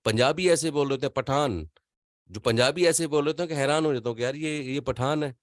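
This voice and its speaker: A man's voice: mid-range voice, dry recording, clean studio sound. An older man whose first language is not Urdu gives an online voice-over class, earnest and rambling. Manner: earnest, rambling, drops into quick impressions. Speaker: voice-over teacher.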